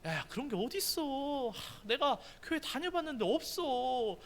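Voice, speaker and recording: A man's voice: high-pitched, sing-song, brisk, a bit bright, slight background noise, voice pushed up. A man preaching a sermon, voicing a bored young skeptic who brushes off his friend reluctantly. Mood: dismissive. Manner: reluctant and dismissive.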